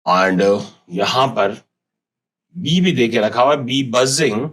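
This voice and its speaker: A male teacher gives a slow, unhurried lesson. He explains each word patiently, repeats it, and spells it out letter by letter. His voice sits at an ordinary middle pitch. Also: animated, fairly bright tone. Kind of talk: classroom lesson explaining English in Hindi. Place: recorded lesson for an educational TV channel.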